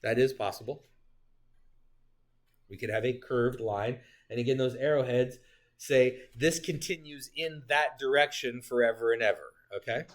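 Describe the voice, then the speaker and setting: A man teaching a geometry class in a lively, talkative way. He keeps checking in with his students, and he throws in quick jokes and self-corrections as he explains. His voice sits at an ordinary middle pitch for a man. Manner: animated, joking asides, talks to students. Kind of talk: classroom lecture.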